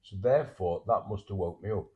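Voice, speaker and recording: A man's voice: lowish voice, brisk, breathy edge, muffled recording. A man in casual banter with his partner, grumbling and incredulous. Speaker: partner listening and objecting.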